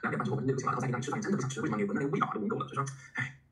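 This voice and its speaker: A middle-aged man lectures on English vocabulary at a rapid clip, his voice bright and forceful. He is animated and chatty, stopping often to spell words out letter by letter for his students. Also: medium pitch, low-quality recording. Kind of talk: lively classroom lecture.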